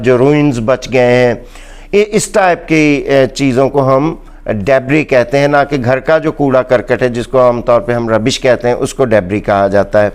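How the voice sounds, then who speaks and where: A man with a Pakistani accent giving a slow, deliberate English pronunciation lesson, repeating each word for emphasis. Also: medium pitch, clear, resonant tone. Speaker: English teacher.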